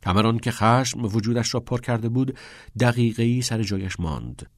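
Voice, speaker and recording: A man narrating an audiobook with an expressive storytelling delivery. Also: medium pitch, dry recording, studio quality.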